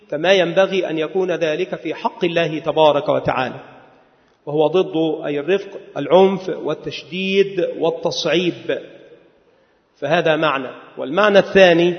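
A man giving a religious lecture at a measured pace, now and then drawing words out in a chanting lilt. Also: a little high, vocal fry. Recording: long hall reverb, dull lo-fi sound.

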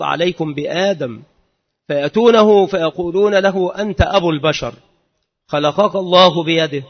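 A man reads and explains hadith in a measured, formal recitation. His voice sits high for a man. The recording is muffled and lo-fi, and a long hall reverb trails each phrase. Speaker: religious teacher.

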